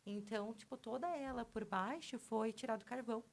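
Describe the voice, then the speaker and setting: Gravelly-voiced Gaúcho woman telling her story. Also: on the high side, fairly even intonation, fairly quick, slight background noise. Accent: Gaúcho Portuguese. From Porto Alegre, southern Brazil. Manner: chatty, frequent tag questions. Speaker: podcast guest, personal trainer. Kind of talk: conversational storytelling. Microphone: close studio microphone.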